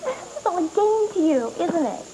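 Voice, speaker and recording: A woman's voice: extremely high pitch, big pitch swings, a little slow, slight background noise, exaggerated voice, poor audio. An actress playing a young woman who confronts a schemer, indignant and emotional, in a soap opera. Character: young woman caught in lies, desperate, defiant. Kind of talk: 1980s soap opera acting. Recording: TV soap audio with loud music.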